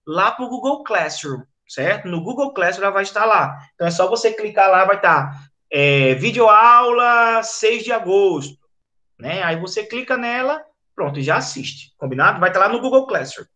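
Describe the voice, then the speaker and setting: A Brazilian man with a high, bright voice teaches an online English lesson. He talks in a chatty, explanatory way and keeps checking that the class is following. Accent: Brazilian Portuguese, from Rio Grande do Norte.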